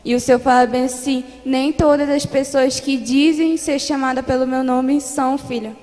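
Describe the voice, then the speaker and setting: A woman's voice: high voice, level tone, moderate pace, a little mellow, long reverb tail. A Brazilian woman earnestly recounting a vision to her congregation, repeating herself and calling the listeners beloved. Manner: earnest, repetitive storytelling, addresses listeners as beloved. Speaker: church member giving testimony.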